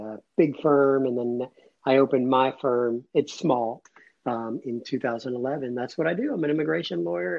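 A man in his late thirties talks as a guest in an earnest, meandering way, circling back as he tells his story. His voice sits at an ordinary pitch. The audio is muffled and lo-fi. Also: darkish tone. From Cuba, raised near Atlanta. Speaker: guest, immigration lawyer. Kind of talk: casual interview chat. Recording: dull lo-fi audio.

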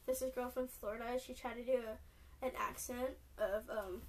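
Young woman, Californian accent, podcast host; casual rambling, fillers everywhere, slightly high voice, distant mic. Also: fairly even intonation, normal speed. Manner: rambling, lots of "like" and "um", restarts often. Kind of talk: rambling solo podcast chat. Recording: distant mic with faint noise.

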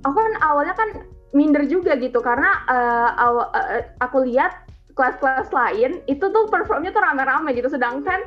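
A woman's voice: high-pitched, lively intonation, moderate pace. A teenage girl giving a church testimony in an earnest, chatty way, full of filler tags. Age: teens. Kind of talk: church testimony, casual storytelling. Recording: muffled lo-fi audio with faint music.

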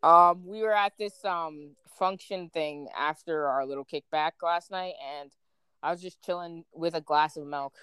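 A laid-back teenage girl co-hosting a casual podcast, with a lowish, smooth voice. She talks in relaxed slang and laughs easily. The recording is close and dry. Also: a little slow, no room sound. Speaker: podcast co-host. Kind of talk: casual chat.

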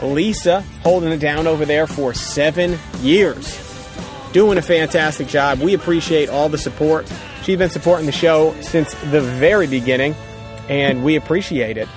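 Higher-pitched man hyping a podcast over music. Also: normal speed. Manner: profane, informal, upbeat hype. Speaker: podcast co-host. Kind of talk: casual podcast banter and sponsor reads. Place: outdoors on a ranch.

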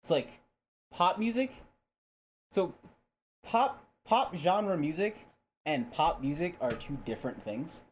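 Young man, casual podcast chat, halting, filler words, faint noise. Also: on the high side, lively intonation. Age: young adult. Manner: explaining, halting, many fillers. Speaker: podcast co-host.

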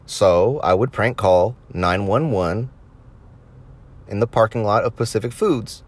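This podcast host, a man in his late 20s to early 30s, speaks with a fairly low pitch and a slightly slow pace. He tells casual anecdotes to listeners, talking crudely, swearing, and finding his own stories funny.

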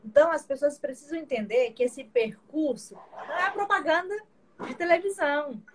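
A woman with a high voice speaks in a relaxed group chat. She tells her stories with lively energy and acts out the lines she and others said. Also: normal speed, a little hiss or hum. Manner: animated storytelling, acting out her own quoted lines. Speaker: mother talking about breastfeeding. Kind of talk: casual group conversation.

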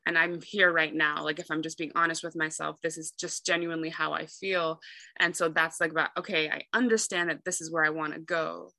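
A woman's voice: low-pitched, little pitch movement, a little fast, gravelly, pushed and bright, no room sound. A woman talking reflectively and candidly in conversation, feeling her way through her thoughts with hesitant repeats.

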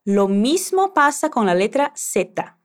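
A woman's voice: on the high side, sing-song, slow. A woman teaching a scripted language lesson, patiently prompting the listener to repeat phrases and encouraging them.

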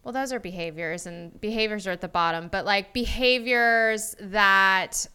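A woman co-hosting a casual fitness podcast, laid-back and quick to laugh along. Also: medium pitch, pushed and bright, clear, resonant tone. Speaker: podcast co-host.

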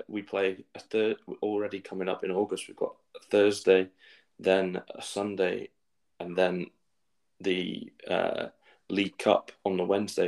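A man's voice: deep voice, gravelly, darkish tone. A man from England co-hosting a football podcast in casual chat, often stammering and restarting. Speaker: podcast co-host.

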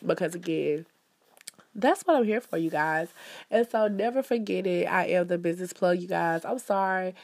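A woman's voice: fairly low pitch, normal speed, darkish tone. A woman, stuffed up from allergies, talking casually and upbeat as she promotes events and calls listeners "baby.". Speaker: host promoting events and services. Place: indoors, in the country.

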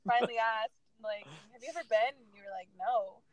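A woman co-hosting a podcast, telling stories in a casual, animated way with lots of "like". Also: fairly high pitch, a little fast, no room sound, lo-fi sound. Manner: animated storyteller, says "like" a lot. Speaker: podcast co-host. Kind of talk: casual chat.

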